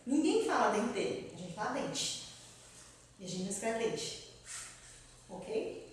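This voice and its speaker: A woman professor lectures in a big hall, her fairly high voice carrying from a distance. She keeps quizzing her audience and laughs easily as she explains. The recording is heavily echoey, with a faint hum of room noise underneath. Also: moderate pace. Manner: lively, asks the audience questions, laughs often. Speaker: university professor giving a talk. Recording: loud echoey hall, far from mic.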